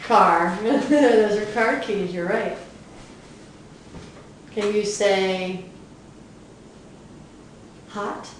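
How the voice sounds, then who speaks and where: A woman in a home video slowly quizzing a toddler with sing-song questions and soft laughs. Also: mid-range voice, background noise. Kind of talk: home video talk with a small child. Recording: roomy echo, mic off at a distance.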